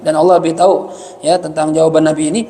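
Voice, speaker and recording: A man's voice: fairly high pitch, level tone, fast, warm tone. A man teaching a mosque study lecture, reading Arabic text and explaining it with jokes and chatty asides. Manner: joking, chatty, reads Arabic then explains it. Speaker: religious teacher. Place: mosque hall. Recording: echoey mosque hall.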